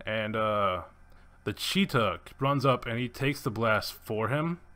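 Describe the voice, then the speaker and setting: Young male game master with a lowish voice, rambling and casual. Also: takes it slowly, background noise. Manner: rambling, many fillers and restarts. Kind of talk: narrating a tabletop game.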